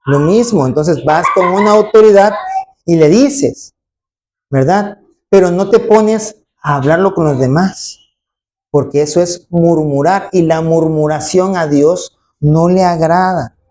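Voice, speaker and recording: Preacher, mellow warm tone, emphatic sermon style, keeps asking the crowd to agree. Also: medium pitch, unhurried. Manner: emphatic, frequent rhetorical tag questions, acts out quoted voices. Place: church congregation.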